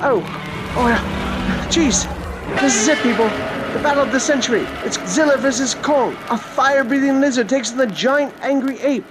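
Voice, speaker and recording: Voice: high voice, moderate pace, over loud music, natural voice, low-quality recording. Someone doing a frantic old-time newsreader. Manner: melodramatic announcer cadence, breathless exclamations. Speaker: mock news announcer in a podcast promo. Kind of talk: retro emergency radio bulletin parody.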